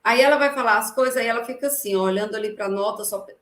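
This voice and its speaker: A woman with a Brazilian Portuguese accent, a lawyer giving a live lecture on public speaking, projecting her voice without a microphone and swinging between loud and soft for emphasis. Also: fairly high pitch, fast talker, slight background noise. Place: room with a live audience. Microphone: no microphone, voice carried across the room. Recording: echoey room, voice from a distance.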